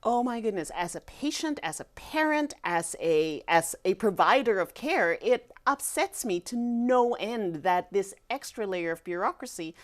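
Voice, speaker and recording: A woman's voice: mid-range voice, expressive, a little slow, few pauses. A woman speaking as a guest physician in a conversational interview, telling things emphatically and voicing what people said.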